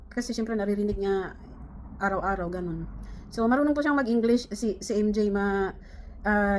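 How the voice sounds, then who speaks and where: A middle-aged woman from the Philippines, chatting casually to camera, rambling with many fillers and restarts. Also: mid-range voice. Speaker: vlogger.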